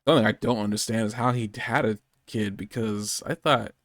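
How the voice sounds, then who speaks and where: A man's voice: on the low side, fairly even intonation, brisk, no room sound, studio quality. Rambling male podcast host. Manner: rambling, meandering, self-correcting. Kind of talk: casual chat. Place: home streaming setup.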